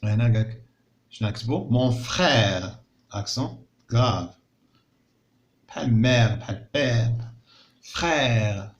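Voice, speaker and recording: A man teaching a recorded lesson in Moroccan Arabic. He repeats words slowly and carefully, then explains them in Arabic. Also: medium pitch, animated, highs cut off. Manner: slow, drawn-out word repetition. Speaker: primary school teacher.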